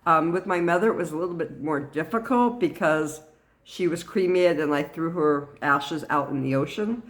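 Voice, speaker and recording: A middle-aged woman giving a personal talk to camera in an earnest, halting way. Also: sits low. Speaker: vlogger sharing personal experience.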